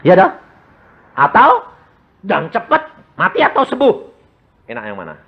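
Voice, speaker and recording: A man preaching a sermon with a Javanese accent, animated and joking, tossing rhetorical questions at the congregation. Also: high-pitched, measured pace, gravelly, breathy edge, muffled recording. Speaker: evangelist preacher.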